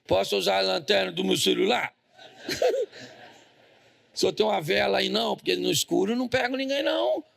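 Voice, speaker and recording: Speaking at a normal speed with frequent pauses, this man has a high, slightly bright voice with vocal fry and lively intonation. He's a pastor with a Brazilian Portuguese accent giving a humorous sermon in a church hall, joking, storytelling and calling out to the congregation.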